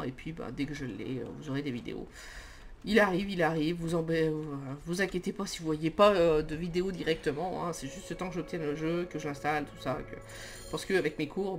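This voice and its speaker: A young man giving casual let's-play commentary in a rambling, hesitant way that often interrupts itself. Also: fairly high pitch. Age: young adult. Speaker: gaming video host.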